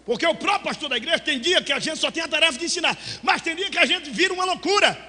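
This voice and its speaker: A Brazilian man preaches with a strikingly high, piercing voice. He swings from storytelling into shouted, sing-song calls, and the sound rings out through a church with long reverb. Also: racing. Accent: Brazilian Portuguese. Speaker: pastor. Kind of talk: Pentecostal sermon storytelling.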